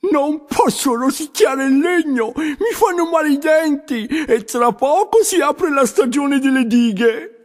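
Storybook cartoon: a young beaver lad, shrill and wailing, lively pitch that leaps around, in a long hall reverb. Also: male voice, slow, hardly any pauses, full character voice. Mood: pained. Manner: wailing, high and strained. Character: young male beaver, cheerful but aching. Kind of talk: children's storybook narration.

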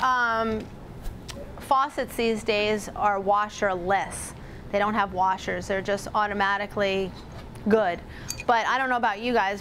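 A woman's voice: medium pitch, fairly bright tone, a little hiss or hum. A woman in her forties giving a casual home repair demonstration to a small audience in a store, speaking into a lapel mic. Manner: chatty, casual, talks directly to the audience. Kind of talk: live workshop demonstration.

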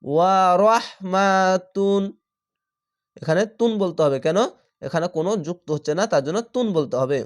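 Man, somewhat high voice, Quran reading teacher, slow syllable-by-syllable spelling, patient explaining. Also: expressive, darkish tone. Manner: slow, drawn-out syllable-by-syllable spelling, then chanting the word. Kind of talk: spelling-out Quran recitation lesson.

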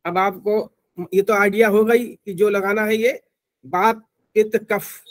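Halting man teaching acupressure. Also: high voice, fairly even intonation. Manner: informal, halting explanations with many restarts. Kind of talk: online class lecture.

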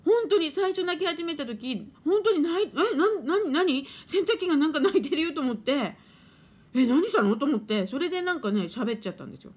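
A woman's voice: high voice, expressive, quick pace, few pauses. A middle-aged woman hosting a casual live stream, chatting and laughing as she reads viewer comments and playfully acts out her washing machine. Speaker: live-stream host and spiritual therapist.

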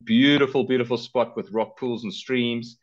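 Here a car rental company director, a middle-aged South African man, talks informally as an interview's travel guest. His voice sits mid-range, steady in tone, at a moderate pace. The video call audio from his headset is a little dull.

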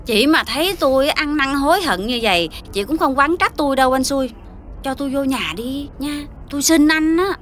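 A woman's voice: sits high, normal speed, a bit bright, slight background noise. An actress playing a scheming middle-aged mother-in-law in a TV drama, pleading and wailing melodramatically. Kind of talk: TV drama acting.

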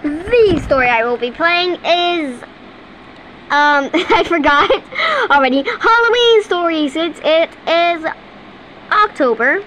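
A woman's voice: extremely high pitch, lively intonation, slow, fairly bright tone, a little hiss or hum, poor audio. A female gamer chatting casually and giggling as she plays, with lots of ums along the way, at home at her computer. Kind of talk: casual game commentary.

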